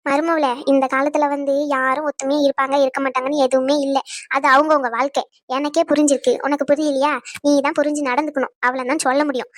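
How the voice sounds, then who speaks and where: Stern old grandmother, woman VO, brisk high voice, lecturing. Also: level tone, dry recording, clean studio sound, natural voice. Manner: lecturing, proverb-quoting. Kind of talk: cartoon dubbing.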